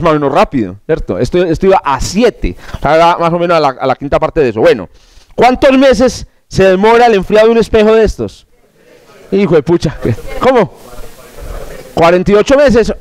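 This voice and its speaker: A man's voice: high voice, darkish tone, dry recording. A man teaching an astronomy course, running through quiz questions in a classroom with jokes, asides and stammered restarts. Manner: joking, digressive, with stammered restarts.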